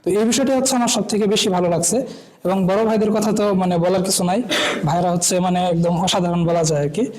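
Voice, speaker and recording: Rambling young man, high quick voice. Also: steady tone, a little mellow, poor audio. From Bangladesh. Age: young adult. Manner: rambling, constant "I mean" fillers. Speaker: new university student. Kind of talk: introducing himself at a student gathering.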